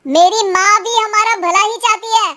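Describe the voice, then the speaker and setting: A woman voicing an upset, hot-tempered young husband in a cartoon story, her voice pushed lower. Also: fairly even intonation, normal speed, a bit bright. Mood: angry. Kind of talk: cartoon voice acting.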